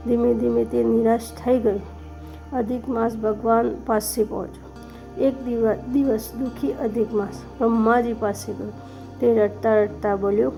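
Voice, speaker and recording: A woman narrating a devotional story from a script in a steady, reverent tone. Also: fairly high pitch, gravelly.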